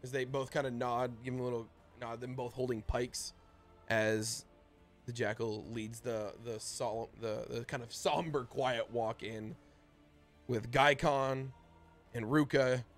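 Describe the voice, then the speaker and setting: A man's voice: medium pitch, flat delivery, a little slow, faint music behind. A man narrating a tabletop fantasy game as the game master, in loose, rambling narration full of restarts. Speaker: dungeon master.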